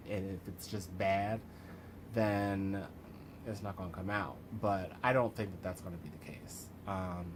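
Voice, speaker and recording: Male vlogger, low voice, lisp from a retainer, rambling diary delivery, noticeable background noise. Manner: halting, rambling, thinking aloud. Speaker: vlogger and writer. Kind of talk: casual video diary.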